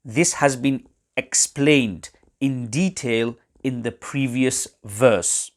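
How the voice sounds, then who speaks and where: A man's voice: mid-range voice, slow. A man teaching Quran recitation rules in a webinar, explaining carefully and reciting short examples.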